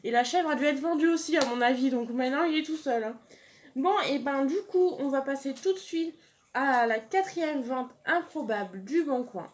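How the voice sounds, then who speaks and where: A woman's voice: sits high, normal speed. A young woman chatting casually through odd online listings, amused and giving chatty asides. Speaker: YouTuber. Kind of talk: casual video commentary.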